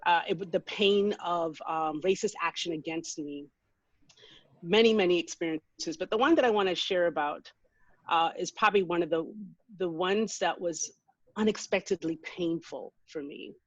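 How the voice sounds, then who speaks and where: A woman from Jamaica moderating a faculty panel and telling a personal story in a conversational, animated way. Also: fairly low pitch, normal speed, dry recording. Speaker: moderator, business school dean. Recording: slightly dull lo-fi audio.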